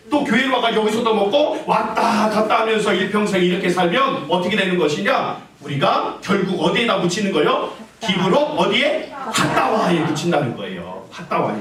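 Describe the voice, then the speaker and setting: A man's voice: high voice, a bit bright, far from the mic. A male pastor preaching a sermon, firing questions at the congregation and repeating their answers back to them. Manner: call-and-response preaching, asking the congregation questions. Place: church sanctuary. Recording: echoey church hall, voice from afar.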